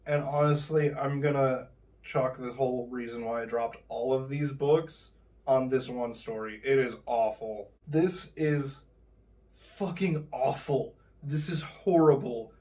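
A man's voice: medium pitch, unhurried, a little mellow. Sarcastic man reviewing books, mic at a distance. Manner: sarcastic, swears when frustrated. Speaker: book reviewer. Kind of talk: scripted review narration.

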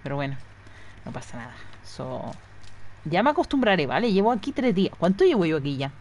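A woman's voice: on the low side, big pitch swings, brisk, darkish tone, slight background noise. A woman chatting casually and swearing freely as she streams a video game. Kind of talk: casual live gameplay commentary.

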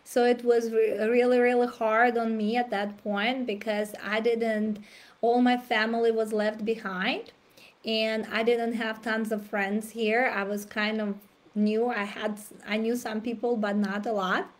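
Woman host, raspy from a cold, slow unhurried delivery, clears throat often. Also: a little high, level tone. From Russia. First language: Russian. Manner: frequent throat clearing and fillers. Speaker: challenge host. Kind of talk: live-stream coaching talk.

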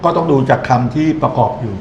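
A man's voice: mid-range voice, fast, vocal fry, a little hiss or hum. A man lecturing in an explanatory way, often posing questions to his listeners and then answering them himself. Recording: echoey room, faint ambience.

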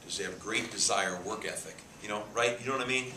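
A man's voice: lowish voice, fast, bright, forceful tone. A man in his fifties, a head football coach answering at a press conference, emphatic, repeating words and gesturing. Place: press room with a sponsor backdrop. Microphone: table mic cluster. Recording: echoey room, faint hiss.

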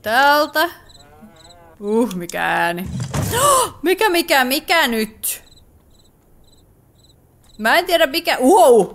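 A woman's voice: sits high, animated, long pauses, fairly bright tone. A woman with a Finnish accent giving let's play commentary on a horror game, chatty and jumpy, with startled exclamations. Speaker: gaming YouTuber.

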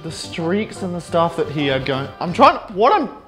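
Giggly tripping man, pitch swinging all over. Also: very animated, moderate pace, a bit bright, soft background music. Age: young adult. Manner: tripping on drugs, giggly, rambling, sweary. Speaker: vlogger attempting a painting tutorial. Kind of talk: casual vlog chat.

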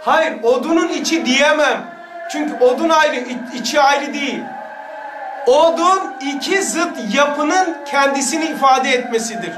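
A man's voice: extremely high pitch, unhurried, reverberant, far from the mic, music in the background. A man teaching a religious lesson, exhorting his listeners and asking them rhetorical questions.

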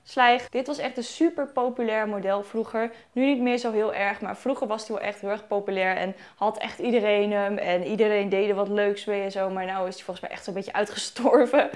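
A young woman vlogger chatting casually as she unboxes toy horses at home, correcting herself and giggling now and then. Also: a little high. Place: at home in sunlight.

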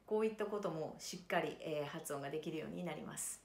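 Low-voiced woman teaching jazz pronunciation. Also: creaky, reverberant. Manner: calm explanatory pace with frequent fillers; slows to model English words carefully. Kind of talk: spoken lesson introduction.

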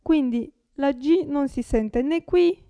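A young woman with an Italian accent teaching Italian pronunciation, saying each word slowly and carefully and repeating it. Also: high voice, warm tone, no echo. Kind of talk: pronunciation lesson.

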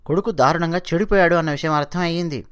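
A man narrating a devotional story, explaining verses politely and chanting them slowly. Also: on the high side, smooth, dry recording, clean studio sound. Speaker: religious storyteller.

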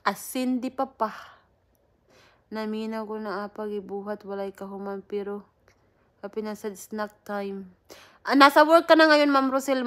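A Filipina woman, chatting casually on a livestream, greeting viewers by name and laughing often. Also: fairly high pitch. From Philippines. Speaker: livestream host.

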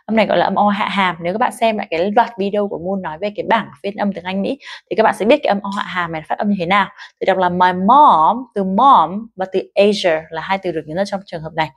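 A woman leads a pronunciation lesson. She explains points patiently in a clear, even, mid-pitched voice, then slows right down to model each phrase. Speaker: English pronunciation teacher.

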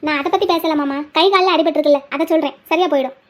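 A woman playing a gentle young wife who speaks softly and comfortingly in a homemade drama. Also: sits high, fairly even intonation, fast, natural voice. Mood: soothing. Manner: soft, comforting.

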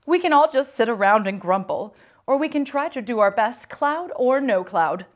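A woman's voice: on the high side, expressive, moderate pace, dull audio, voice pushed up, lightly acted. A woman reading aloud and voicing a patient, hopeful classroom teacher who encourages her students. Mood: encouraging.

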